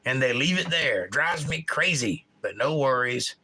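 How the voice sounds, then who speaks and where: Speaking a little slowly in a mid-range voice, this bright, crisply articulate livestream host with a Georgia drawl chats casually as he reads out viewer comments, sounding animated and full of opinions.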